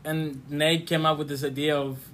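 Halting, slightly high-voiced man. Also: little pitch movement, a bit bright. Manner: halting, with restarts, laughs along. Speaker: podcast co-host. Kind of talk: casual podcast chat.

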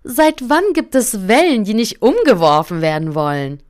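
A man's voice: high voice, big pitch swings, normal speed, clear, resonant tone, voice pushed up. A woman voicing a small male fish in a storybook tale, incredulous and teasing. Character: small young male fish, cheeky and puzzled.

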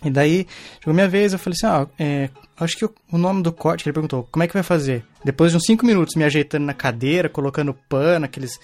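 A man's voice: fairly high pitch, fast talker, darkish tone, soft background music. A young man in casual chat, telling an anecdote with slangy fillers.

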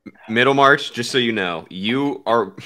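A man's voice: medium pitch, moderate pace, pushed and bright. A man co-hosting a podcast in casual chat, wry and explanatory, with many fillers. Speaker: podcast co-host.

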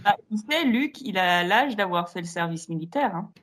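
A woman's voice: on the low side, lively intonation, normal speed, fairly bright tone. A woman co-hosting a casual podcast, dropping dry, teasing remarks. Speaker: podcast co-host. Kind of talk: casual chat about a book chapter.

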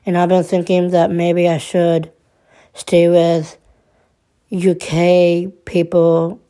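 A woman in her twenties talking through her troubles in a personal monologue, halting and subdued, restarting and repeating her words often. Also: fairly low pitch, completely flat delivery, mellow. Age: 20s.

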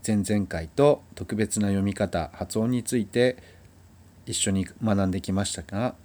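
A man's voice: on the low side, a little mellow. A man teaching a language lesson, explaining patiently and drilling sounds for listeners to repeat. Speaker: Spanish teacher.

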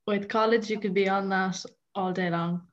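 A woman's voice: mid-range voice, fairly even intonation, moderate pace. Young Irish woman, slightly dull recording. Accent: Irish, County Clare. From County Clare, Ireland. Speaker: podcast guest. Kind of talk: casual interview chat.

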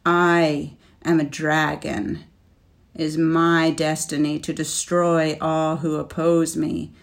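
A woman voicing a proud, scornful male dragon, speaking slowly and forcefully with contempt. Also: low voice, little pitch movement, gravelly, heavily acted. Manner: slow, forceful, contemptuous delivery. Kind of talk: storybook reading.

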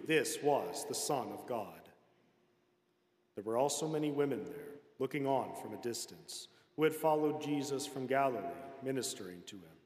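A man giving a solemn, measured public reading of scripture in a large church. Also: medium pitch. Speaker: scripture reader. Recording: echoey hall with long reverb.

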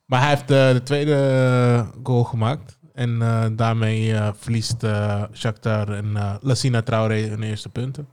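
A man in a casual football podcast, hesitant with many pauses. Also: medium pitch, steady tone, a little mellow, clear, resonant tone. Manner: hesitant, many fillers while recounting. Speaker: podcast co-host.

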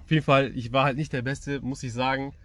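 A young man co-hosting a podcast tells a story fast in a medium-pitched voice, full of casual slang. He is animated and acts out the voices of the people in it, and there's no room sound.

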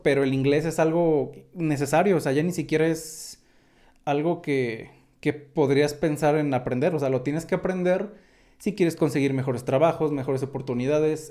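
A man's voice: fairly high pitch, mellow. A man with a Mexican accent, chatting casually through tech news and drifting into asides. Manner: chatty, digressive, many fillers like "o sea".

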